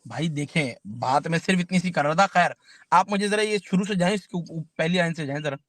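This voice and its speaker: A man calling into a live-stream debate, defending himself and asking for calm, reading English slowly and haltingly. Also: on the high side, dry recording.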